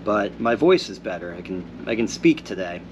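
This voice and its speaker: Very animated yet moderately paced, this man's fairly low voice carries over background noise as he hosts a viewer Q&A. Slightly congested after being sick, he reads out comments and gives easygoing, thoughtful answers.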